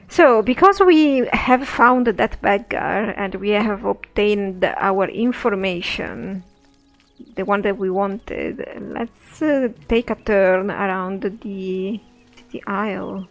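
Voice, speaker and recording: A woman's voice: medium pitch, takes it slowly, gravelly. A woman giving casual game commentary, thinking aloud and sometimes speaking as her character. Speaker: let's play narrator.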